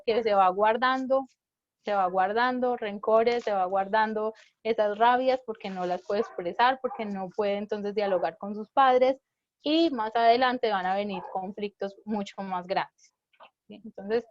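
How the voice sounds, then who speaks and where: A woman's voice: a little high, darkish tone, dry recording, muffled recording. Woman explaining parenting tips, dry sound. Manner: explanatory, checks in with frequent rhetorical "¿sí?". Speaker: parenting workshop speaker. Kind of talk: live parenting talk.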